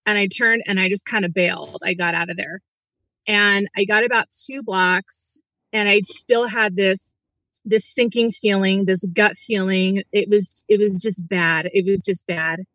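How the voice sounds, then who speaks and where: A woman's voice: medium pitch, fairly even intonation, unhurried, fairly bright tone, dry recording. Middle-aged woman, interview guest, earnest and hesitant, dry close sound, a bit muffled. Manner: earnest, hesitant, many restarts and fillers. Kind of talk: personal story in an interview.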